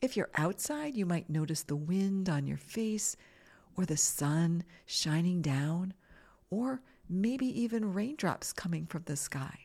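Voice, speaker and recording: A woman's voice: fairly low pitch, animated, slow pace, vocal fry, a little mellow. A woman hosting a children's mindfulness podcast, giving simple, encouraging guided instructions. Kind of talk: guided mindfulness lesson with breathing exercises.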